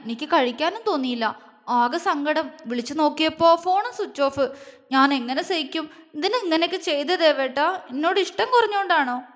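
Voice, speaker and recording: A woman voicing a timid, naive young woman who speaks hesitantly and pleads softly in an audio story. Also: high voice, in a large hall.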